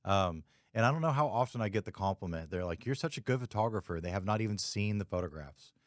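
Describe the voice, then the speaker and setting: A man's voice: on the low side, animated, fast talker, no echo, clean studio sound. A man hosting a podcast, chatting casually in a laid-back, rambling way full of fillers. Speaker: podcast host, photographer. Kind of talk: casual chat.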